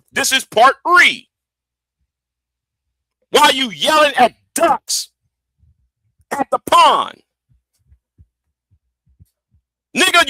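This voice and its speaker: A man hosting a livestream rant in a loud, sharp, combative voice, swearing and repeating words for emphasis. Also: extremely high pitch, no room sound. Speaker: livestream host.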